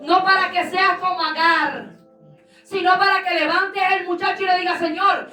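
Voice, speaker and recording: A woman's voice: extremely high pitch, steady tone, normal speed, pushed and bright, roomy sound, recorded from a distance, faint music behind. A woman pastor giving a fervent sermon in a repetitive preaching cadence.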